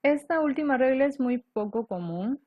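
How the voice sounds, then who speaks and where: A woman's voice: high-pitched, lively intonation, moderate pace, dry recording. A woman teacher explaining grammar rules step by step, patiently checking in with her students. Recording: dull lo-fi dry recording.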